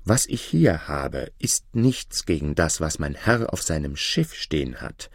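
A man reading a fairy tale aloud and voicing a loyal, clever servant who speaks in a measured, persuasive way. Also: a bass voice, sing-song, no room sound, studio quality, pitched below the performer's own voice, heavily acted.

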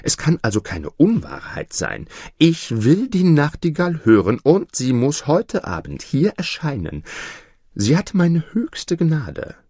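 A man voicing an imperious old emperor in a storybook reading, giving commanding, drawn-out pronouncements. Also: on the high side, huge pitch swings, mellow, no room sound, clean studio sound, voice pushed up, full character voice.

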